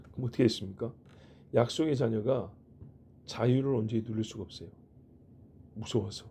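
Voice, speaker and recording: A man's voice: medium pitch, mellow, slight background noise. A middle-aged male pastor giving a sermon in a conversational way, asking rhetorical questions and making joking asides. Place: church.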